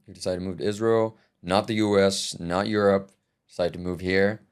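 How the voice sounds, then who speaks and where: With a deep, clean-toned voice at normal speed, a young man hosts a podcast, speaking loosely and packing in fillers. He's a musician as well, and he treats his guest warmly with friendly praise.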